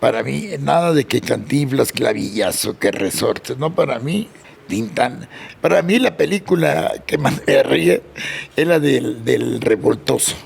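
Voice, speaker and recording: An older man telling childhood stories in a casual interview, jumping up in pitch when he quotes people. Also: measured pace, vocal fry, breathy edge. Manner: animated anecdote teller, jumps high when quoting people. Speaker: interview guest, sonidero. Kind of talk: casual storytelling.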